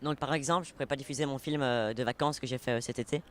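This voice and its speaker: A man's voice: medium pitch, fast talker, a bit bright. A male reporter putting questions in an interview. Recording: faint background city noise.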